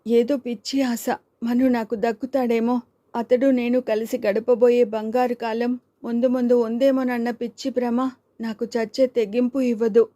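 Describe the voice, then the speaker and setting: A woman's voice: on the high side, level tone, normal speed, mellow, dry recording, natural voice. A woman voicing Devika, a timid and tearful young woman in love, pleading and despairing in an audiobook reading.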